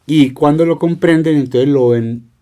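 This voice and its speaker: Middle-aged doctor, mellow dark voice, unhurried storyteller. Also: male voice, a little high. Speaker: palliative care doctor, podcast guest. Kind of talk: reflective conversation and storytelling.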